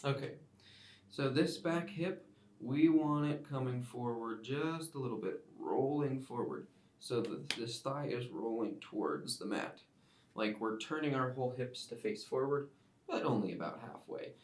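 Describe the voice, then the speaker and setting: A man teaching a yoga class, giving calm step-by-step cues timed to the breath. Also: mid-range voice, unhurried, slight background noise. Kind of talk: guided yoga class instruction. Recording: roomy sound, mic at a distance.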